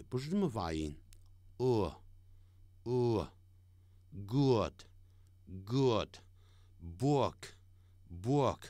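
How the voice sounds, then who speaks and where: A middle-aged man teaching English vowel sounds, speaking slowly and deliberately and drawing out each sample sound. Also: on the low side, darkish tone, dry recording, clean studio sound. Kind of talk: recorded classroom lesson.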